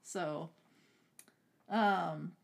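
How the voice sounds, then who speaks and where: A woman's voice: lowish voice, very slow, gravelly. A woman co-hosting a casual book discussion, chatty and filling in plot details. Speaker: book podcast co-host.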